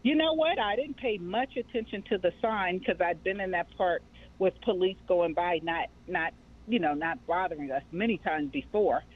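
A middle-aged American woman who directs a mental health nonprofit speaks conversationally as an interview guest. Her pitch is fairly low and her pace moderate, and she joins by remote call, so the audio is narrow and tinny, like radio.

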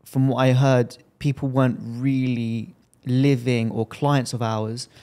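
A man's voice: mid-range voice, flat delivery, unhurried, dark tone. A man with a London accent, hosting a casual interview in a chatty, teasing way. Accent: London English. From London, England. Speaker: interviewer host.

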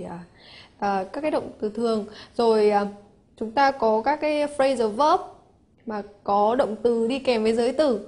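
Woman, Hanoi accent, high voice, patient step-by-step grammar teacher, rhetorical check-ins. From Vietnam. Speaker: English teacher. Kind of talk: exam-prep grammar lesson.

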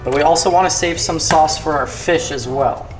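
In a roomy-sounding recording with soft music underneath, a young male fishing channel host talks at a normal speed in a voice on the high side. He gives relaxed how-to narration, explaining every rigging and cooking step from his home kitchen and the deck of a boat.

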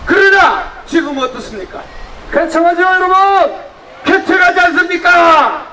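A man giving a fiery political speech to an outdoor rally, calling out rhetorical questions to the crowd and rising to shouts. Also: very high-pitched, unhurried. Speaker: rally speaker. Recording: echoey, distant outdoor PA recording with noise.

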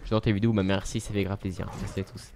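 A man's voice: low voice, little pitch movement, rapid-fire, darkish tone, a little hiss or hum. A young man live-streaming a video game, chatting casually, mocking himself and thanking viewers as he plays.

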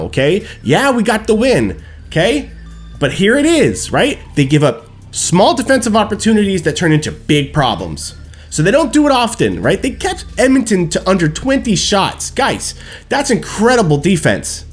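A man in his thirties breaks down a hockey game from his home streaming setup, speaking into a headset. He talks emphatically, and his fairly high voice swings widely. Faint music plays under his talk. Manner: animated, emphatic, keeps asking "okay?" and "right?". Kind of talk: post-game hockey rant. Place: small room at home, seated in gaming chair.

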